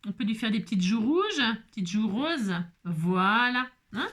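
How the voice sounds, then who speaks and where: Brief: woman craft host, fairly high voice, jokey, chatty, talks straight to camera. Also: big pitch swings, measured pace, fairly bright tone, slight background noise. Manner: chatty and self-mocking, jokes and laughs often; repeats words, talks directly to viewers. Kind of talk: casual crafting tutorial.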